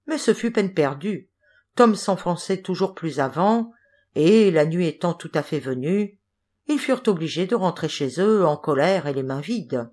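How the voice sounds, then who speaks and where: Audiobook narrator for a fairy tale, a woman with a low, animated read. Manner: expressive, measured. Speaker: audiobook reader. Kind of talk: storybook narration.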